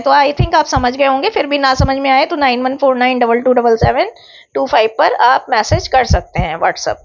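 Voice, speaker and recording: A woman teacher giving an exam revision lecture, explaining patiently and repeating key words. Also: high voice. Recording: slightly dull lo-fi sound.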